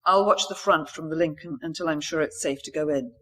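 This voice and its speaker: A woman voicing a tense, commanding bearded doctor in a storybook reading, giving curt orders in a lowered voice. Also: brisk, fairly bright tone. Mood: urgent.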